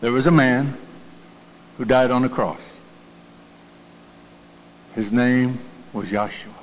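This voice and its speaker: A pastor with a Southern US accent gives a sermon in a loose, conversational manner, stumbling over and repeating his words as he puts questions to the congregation. His mid-pitched voice carries the long reverb of a church sanctuary. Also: fairly even intonation, slow pace.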